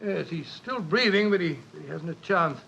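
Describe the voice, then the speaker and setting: An earnest gentleman doctor and loyal companion, with a high-pitched male voice and a gravelly creak. He is anxious and excitable in forties radio style, heard through a muffled old broadcast. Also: normal speed, exaggerated voice. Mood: concerned, puzzled. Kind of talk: 1940s radio drama acting. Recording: muffled, hissy 1940s radio recording.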